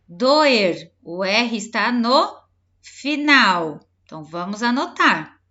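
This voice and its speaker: A Brazilian woman teacher speaks unhurriedly to small children, stretching each word she dictates. Her voice is bright and fairly high. The recording sounds a little dull and lo-fi. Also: sing-song. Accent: Brazilian Portuguese. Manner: slow, drawn-out word-by-word dictation to young pupils. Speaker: primary school teacher. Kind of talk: recorded remote lesson for children.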